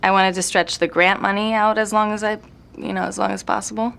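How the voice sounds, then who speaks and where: A woman with a medium-pitched, creaky, fairly bright voice speaks a bit fast and flatly, in a noisy room. In naturalistic audio drama acting styled as an interview, she plays a jaded night-owl composer who rambles bluntly, opinionated and self-deprecating, with sardonic, slangy swearing.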